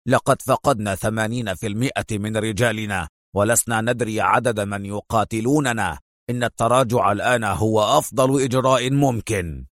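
A man voicing a bitter, furious villainous general in a spoken story, with slow, seething, drawn-out words. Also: on the low side, fairly bright tone, no echo, clean studio sound, natural voice.

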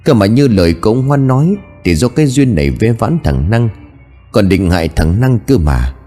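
A man's voice: on the low side, sing-song, normal speed, mellow, soft background music. A man narrating a scripted horror story in a dramatic storytelling manner.

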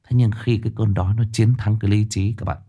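A man telling a tragic true story to his listeners in a casual spoken style, with sudden high emphatic bursts and low somber drops. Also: steady tone, fast talker, mellow, slightly rough, muffled recording. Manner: addresses listeners directly, casual with restarts.

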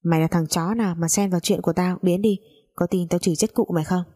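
A woman's voice: on the low side, steady tone, quick pace, mellow, slightly rough. A woman voicing a greedy, bullying older mother who curses and scolds coarsely, in a storybook reading. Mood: scolding.

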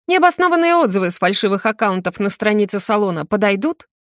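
A woman's voice: medium pitch, big pitch swings, fast talker, dry recording, lightly acted. A woman voicing a blunt young female investigator making dry remarks in an audiobook.

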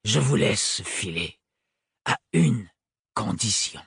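A man doing a husky, sadistic storybook villain who savours every taunt, stretching words out slowly. The sound is dry and close, with no room around it. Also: lowish voice, very animated, fairly bright tone, dry recording, voice pushed down, exaggerated voice. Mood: menacing. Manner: slow, drawn-out taunting, English words slipped in. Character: cruel mocking man, menacing and sadistic. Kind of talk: audiobook character voice.

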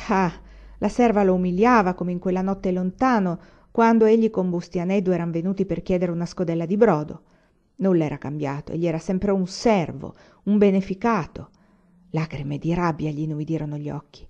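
A woman narrating a classic novel in an expressive, measured way. Her tone is mellow. The recording has a dull, lo-fi sound. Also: on the low side. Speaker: audiobook reader. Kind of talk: literary audiobook narration.

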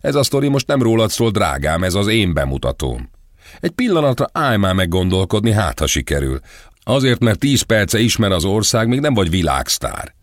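An arrogant, flamboyant fashion designer in a spoken storybook, as a male reader puts him on. He scolds and shouts in a raised, sharply swinging voice, full of disdain. The recording is dry and close. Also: lowish voice, very animated, dry recording, pitched above the performer's own voice. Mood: scornful. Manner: scornful, irritated, shouting.

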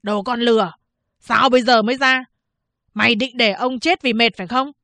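A woman's voice: fairly high pitch, normal speed, sharp tone, dry recording. A woman voicing a lazy, foul-mouthed peasant husband who barks orders in a spoken story. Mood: angry barking. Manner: rude barking.

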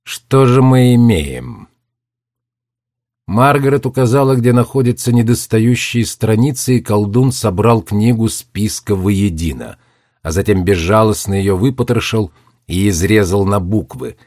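A man narrating an audiobook in a measured, steady storytelling voice. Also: on the low side, no room sound, clean studio sound.

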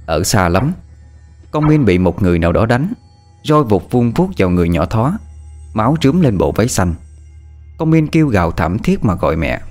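A man narrates a horror story at a steady, dramatic pace. His voice sits on the low side, and soft background music runs under the telling.

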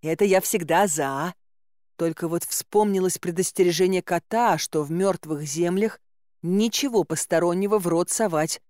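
A woman narrating a first-person audiobook in a measured, lightly ironic storytelling manner on a close mic. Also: lowish voice, a little mellow, dry recording.

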